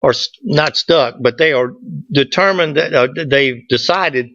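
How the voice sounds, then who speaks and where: A Georgia man with a Southern US accent gives an informal club class, mixing slide lecture and group chat in a folksy, joking manner from a lectern in an indoor meeting room. His mid-range voice is unhurried and fairly bright, with no room sound. The recording itself sounds dull and muffled.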